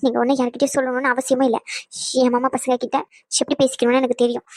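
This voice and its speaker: Woman doing a stubborn young cartoon wife, super fast high voice, dry. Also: flat delivery, no echo, close to an everyday voice. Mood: defiant. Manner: sharp, defiant, rapid retorts.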